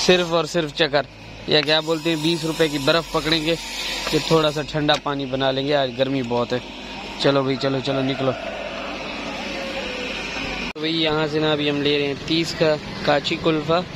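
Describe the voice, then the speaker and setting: A man's voice: a little high, flat delivery, brisk. A man, a father and family vlogger, narrating casually and bantering in a teasing, joking way as he moves around outdoors. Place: outdoors on busy streets, moving about. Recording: loud street and vehicle noise.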